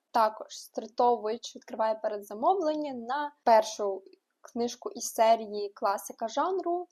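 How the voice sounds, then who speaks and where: A young woman hosting a book news vlog, running through new releases with quick asides and frank opinions. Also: on the high side, a little mellow. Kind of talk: casual book news roundup.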